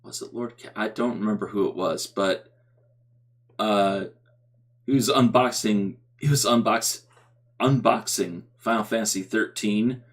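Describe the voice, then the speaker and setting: A man streaming a reaction to a video, rambling casually with many halting fillers. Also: lowish voice.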